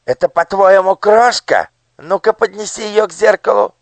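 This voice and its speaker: A man's voice: high-pitched, moderate pace, vocal fry, dry recording, pitched above the performer's own voice. A shrieking, cruel minister, all squeals and venom in a storybook reading. The voice sits far above a normal man's, thin and piercing, in a close, dry sound. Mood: shrieking rage. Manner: shouting, spitting with rage. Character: shrill, cruel male minister villain.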